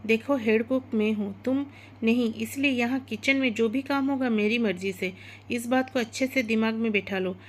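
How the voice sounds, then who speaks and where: A woman's voice: a little high, normal speed, a little hiss or hum, close to an everyday voice. A woman voicing a jealous, gossipy young female cook in a storybook narration, in a chatty, grumbling manner. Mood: bossy.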